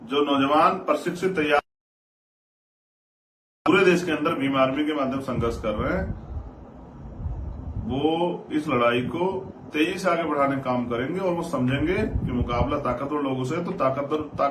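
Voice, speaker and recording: A man with a slightly raised voice delivers a live political address as an activist leader. He is earnest and exhortative, hammering points home by repetition. The recording is roomy and a little far from the mic, with clear noise behind him. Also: on the high side, normal speed. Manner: earnest, exhortative, repeats phrases for emphasis. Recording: roomy, distant mic, noisy background.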